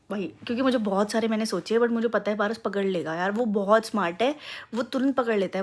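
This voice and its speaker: Chatty young woman vlogging at home. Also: mid-range voice. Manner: chatty, giggly, addresses viewers as guys. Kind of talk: casual vlog with voice-over. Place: home, kitchen and drawing room. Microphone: phone camera.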